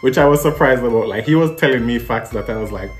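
A man with a Jamaican accent chatting casually as he explains things, in an animated, teasing way. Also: mid-range voice, fast talker, soft background music. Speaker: host quizzing a guest.

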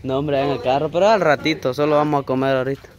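A man's voice: mid-range voice, quick pace, lo-fi sound. A young man with a Guatemalan Spanish accent bantering casually as a vlogger at a village shop. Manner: joking, lively banter. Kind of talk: casual chat. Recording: outdoor chatter behind.

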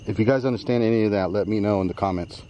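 A man talks his way through a night-time cemetery investigation in a low, mellow voice. His delivery stays calm and low-key, even when he questions the spirits. Faint hiss and crickets sit behind him outdoors. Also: rapid-fire. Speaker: paranormal vlog host. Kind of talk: casual ghost-hunting commentary.

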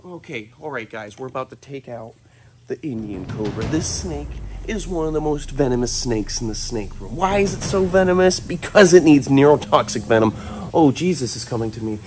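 A man's voice: medium pitch, lively intonation, moderate pace, background noise. A man in his twenties hosting a casual vlog as he handles animals, talking in an enthusiastic, exclamatory and playful way. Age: 20s. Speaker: host, snake keeper. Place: large metal-walled reptile room with concrete floor.

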